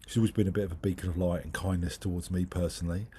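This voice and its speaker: A man's voice: low voice, fairly even intonation, racing, mellow, slight background noise. A man who is short of breath, giving a hesitant, discursive spoken introduction as the host. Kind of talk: spoken introduction at an online talk.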